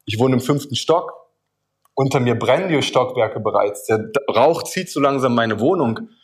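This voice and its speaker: A man's voice: medium pitch, expressive, normal speed. A man preaching a sermon, speaking emphatically and addressing the listener directly with repeated phrases and a vivid illustrative story.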